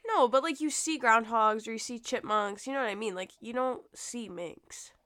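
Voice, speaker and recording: A hoarse woman co-hosting a podcast, chatting casually with a relaxed, wry manner. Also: fairly high pitch, normal speed, no room sound. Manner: relaxed, wry back-and-forth. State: hoarse from a virus. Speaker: podcast co-host. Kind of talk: casual chat.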